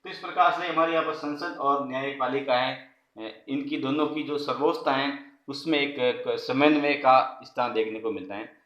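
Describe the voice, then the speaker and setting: A man giving an online class lecture as a college political science lecturer, explaining step by step, repeating key phrases and pausing on "uh". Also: medium pitch, fairly even intonation, a bit bright, reverberant, muffled recording.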